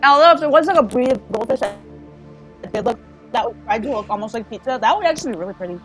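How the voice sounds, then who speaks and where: A woman's voice: a little high, lively intonation, quick pace, soft background music, poor audio. A woman chatting casually on a live stream, playful and giggly. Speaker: stream co-host. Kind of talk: casual chat.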